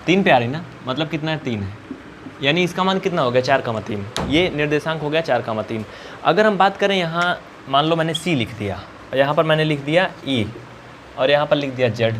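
Chatty Indian math teacher, slightly high voice. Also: male voice, lively intonation, a little fast, a bit bright, a little hiss or hum. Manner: repetitive, asks students questions and answers them himself; colloquial, coaxing. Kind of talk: whiteboard math lesson.

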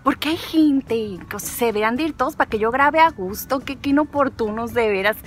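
Faint music plays behind a woman whose Mexican-accented voice is a little high and brisk. She strolls an outdoor park vlogging casually, joking and rambling both to the camera and to herself.

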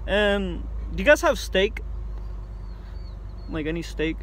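Sitting in a parked car at night, a young man pranks drive-thru staff in a high, sing-song, fairly bright voice, taking his time. The audio is poor, recorded on a phone held close in front, with faint car-interior noise.

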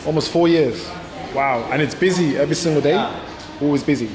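An English travel vlogger films himself on a handheld action camera held at arm's length in a crowded cafe, trading playful, teasing jokes. His voice is on the high side and a little fast, with crowd noise and long reverb around him.

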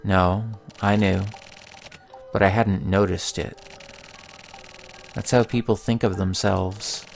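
Slow, gravelly man reading game dialogue. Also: low-pitched, steady tone, soft background music. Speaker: let's play host. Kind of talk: reading game text aloud with commentary.

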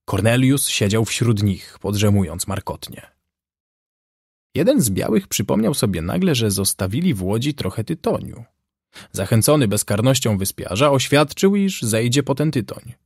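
A man narrating an audiobook in a measured, dramatic way, close to the mic. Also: mid-range voice, a little mellow, no room sound. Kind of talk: scripted narration.

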